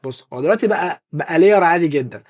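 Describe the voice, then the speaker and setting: Egyptian guy doing a quick jokey software tutorial, talks super fast, keeps calling you dear artist. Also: a little high, expressive. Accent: Egyptian Arabic. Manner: chatty, joking, addresses viewer as dear artist. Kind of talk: casual screen-recorded tutorial.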